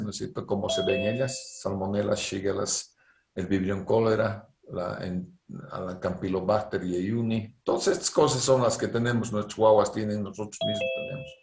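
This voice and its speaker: In a video-call university lecture on engineering, a middle-aged Bolivian Spanish speaker keeps checking in with rhetorical "¿no es cierto?" questions. His voice is lowish, gravelly and steady at a moderate pace, with roomy sound.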